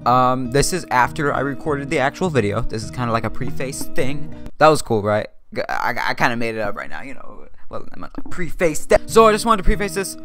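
A young man vlogging from a dark room at home into a desk mic, rambling, joking and correcting himself constantly. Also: medium pitch, big pitch swings, fairly quick, faint music behind. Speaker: YouTuber. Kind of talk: rambling self-deprecating vlog.

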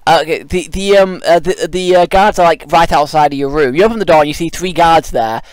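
A man narrating a tabletop game as game master, improvising haltingly and often repeating words. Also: a little high, smooth, no room sound, low-quality recording.

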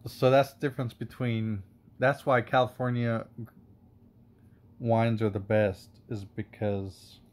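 A man's voice: mid-range voice, level tone, takes it slowly. A man vlogging, rambling and getting heated, with many fillers and curses. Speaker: wine reviewer and vlogger. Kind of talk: casual rant to camera.

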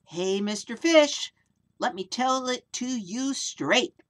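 A woman voicing a perky sea creature in a storybook, coaxing and gently scolding with a lifted delivery. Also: a little high, animated, slow, voice pushed up. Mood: coaxing, chiding.

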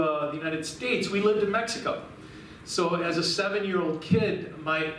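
A middle-aged Cuban man gives a public lecture as a guest speaker, talking warmly but rambling with frequent restarts in a fairly high voice. He's indoors in a large room with a projection screen, captured by a far camera, so the sound is very echoey with slight background noise.

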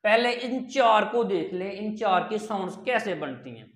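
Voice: medium pitch, expressive. A language teacher explains step by step, asking questions and then answering them. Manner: counts and repeats items slowly. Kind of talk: step-by-step online language lesson. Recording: roomy echo.

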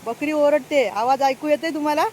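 A woman's voice: high-pitched, moderate pace, a little mellow, slight background noise, low-quality recording. An older woman chatting casually to her viewers outdoors on a farm, talking to them often and laughing now and then. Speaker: farm vlogger. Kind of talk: casual vlog chat. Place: outdoors on a rural farm path.

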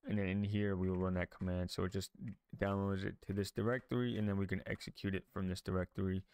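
A man hosting a software tutorial, talking through each step casually, with frequent ums and restarts. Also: sits low, flat delivery, fast, clean tone. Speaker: tech tutorial host. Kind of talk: screen-recorded software tutorial.

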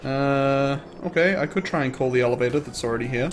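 A man's voice: mid-range voice, quick pace, noisy background. A man giving casual, joking live-stream commentary while he plays, laughing often. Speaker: let's play streamer.

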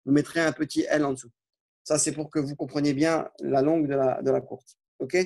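A man teaching an Arabic lesson, patiently walking through exercises and slowly spelling out Arabic words. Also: fairly high pitch, level tone, gravelly, a little mellow. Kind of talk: classroom lesson explaining exercises.

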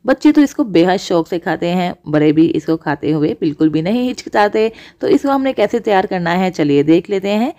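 A woman's voice: fairly low pitch, animated, brisk, few pauses, dark tone. A woman hosting a cooking channel, explaining each step of a recipe to viewers. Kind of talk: voice-over recipe instruction.

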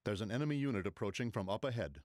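An actor playing a stern, impatient military commander who gives clipped tutorial orders in a video game. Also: male voice, fairly low pitch, expressive, racing, darkish tone, close to an everyday voice. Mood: stern, instructive. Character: stern, impatient male military instructor briefing a trainee. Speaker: mission commander.

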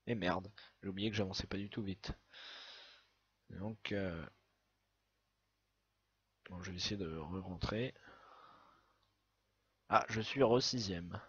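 A man giving a chatty, excitable let's-play commentary on a browser game, swearing often as he plays. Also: deep voice, slow pace, long pauses, breathy edge, lo-fi sound. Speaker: gaming video host.

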